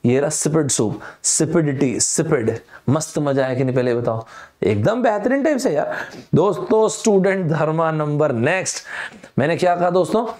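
A man's voice: a little high, lively intonation, moderate pace, darkish tone. A young man from India teaching vocabulary online, playful, acting out both himself and his students and quoting film lines. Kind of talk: lively Hindi vocabulary lesson.

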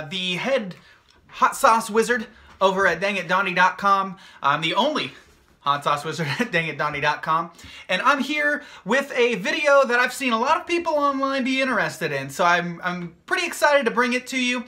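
A young man talks straight to his viewers in a loose, joking vlog style. He rambles cheerfully and fills his talk with "uh" and "like". His voice has a bright, forward edge. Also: sits high, animated, normal speed. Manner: upbeat, jokey and rambling, with many fillers. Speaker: hot sauce maker and video host. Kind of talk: casual chatty vlog.

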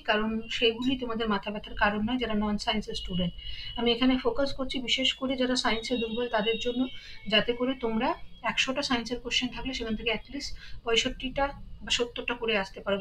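A woman with a Bengali accent teaching an exam-prep lesson, reading questions out slowly and then explaining the answers briskly. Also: fairly high pitch, steady tone, fairly bright tone, a little hiss or hum, low-quality recording.

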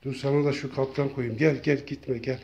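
A man talking casually to his cats, calling them over and over in a coaxing way and now and then gently scolding them. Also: mid-range voice, steady tone, normal speed, vocal fry, muffled recording, slight background noise. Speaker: cat feeder. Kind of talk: casual talk to pets.

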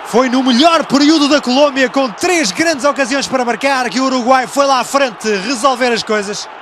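Excited high-pitched male football commentator, European Portuguese. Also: crowd noise. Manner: fast, dramatic, excited delivery. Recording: noisy broadcast with stadium ambience. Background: clear stadium noise.

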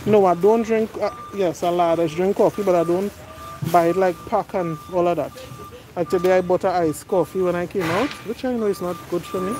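This casual shop-with-me clip shows a middle-aged vlogger reading prices and talking to viewers as she pushes a cart around a big warehouse store, filming on her phone. Her lowish voice is brisk with fairly even intonation, heard over music in low-quality audio.

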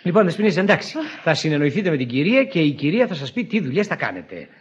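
An actor playing a fussy, good-natured husband and writer in a radio play, husky and prone to stumbling over his words. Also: on the high side, very animated. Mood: flustered. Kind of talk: 1950s radio play acting. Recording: dull, lo-fi archive radio recording.

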